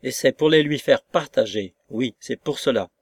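A man's voice: mid-range voice, normal speed, husky, dry recording, clean studio sound, natural voice. A man reading the lines of an anxious, kindly middle-aged housekeeper in an audiobook, in a pleading, frightened manner. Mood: horrified.

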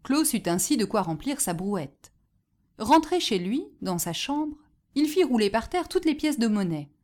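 A woman narrating a fairy tale in an expressive storytelling manner. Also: on the high side, measured pace.

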